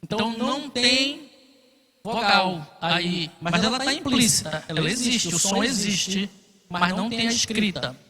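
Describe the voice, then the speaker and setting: A man's voice: high voice, animated, measured pace, sharp tone, in a large hall. A man teaching a Bible study class, explaining patiently and checking in often with his listeners. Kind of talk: classroom lecture.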